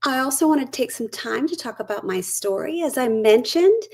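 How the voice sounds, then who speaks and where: A Brazilian woman in her forties, a curriculum lead, gives an upbeat webinar presentation through a computer mic, eagerly weaving in personal stories. Her voice is high-pitched and animated with a darkish tone, at a moderate pace.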